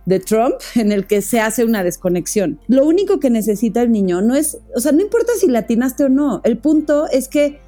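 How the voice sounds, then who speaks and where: A woman's voice: a little high, expressive, brisk, few pauses, warm tone, soft background music. Woman explaining with emphatic reassurance. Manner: emphatic, reassuring, many "o sea" fillers. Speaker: child psychologist guest. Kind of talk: podcast interview, explaining.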